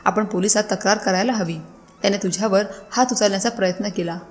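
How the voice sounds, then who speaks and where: A woman's voice: medium pitch, fast talker, natural voice. A woman voicing a level-headed lawyer friend who gives earnest advice. A long hall reverb follows her voice. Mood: urgent. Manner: earnest, advising.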